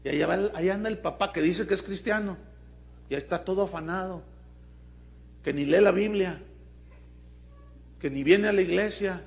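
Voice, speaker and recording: High-voiced Mexican pastor preaching emphatically. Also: male voice, moderate pace, vocal fry, pauses often. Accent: Mexican Spanish. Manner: emphatic, keeps asking the congregation questions. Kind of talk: sermon.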